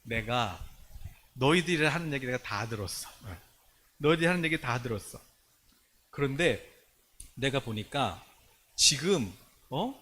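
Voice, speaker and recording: A man voicing God as a stern judge, speaking low and grumbling down at the people he saved. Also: expressive, a little slow, pauses often, sharp tone, husky, exaggerated voice. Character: stern deep-voiced God, a weary judge.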